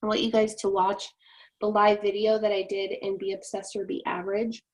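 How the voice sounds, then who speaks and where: A woman's voice: mid-range voice, flat delivery, fairly quick, a little mellow, low-quality recording. A young adult woman giving casual, upbeat sales advice on a video call, full of "like" and "you know.". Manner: chatty, peppers speech with "like" and "you know". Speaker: guest, top-ranked direct sales distributor. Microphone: video call microphone.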